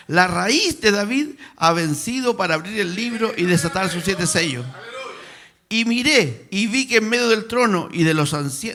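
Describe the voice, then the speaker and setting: A man's voice: sits high, pushed and bright. A man preaching a sermon in a church, asking rhetorical questions and building to emphatic passages. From Chile. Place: church sanctuary.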